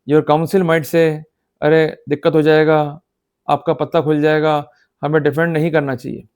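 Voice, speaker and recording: This law lecturer speaks in a fairly high, level voice at normal speed, with a slightly mellow, clean tone. His explanatory talk blends Hindi and English legal vocabulary, and he presses points forcefully while often making sure his audience is keeping up.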